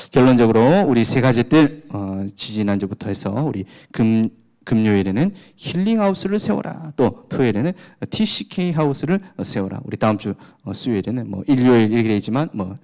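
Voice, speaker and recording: A pastor preaches a sermon in a mid-range, slightly mellow voice. He fires off rhetorical questions with emphatic rises and drops, slipping into chatty asides about his home life.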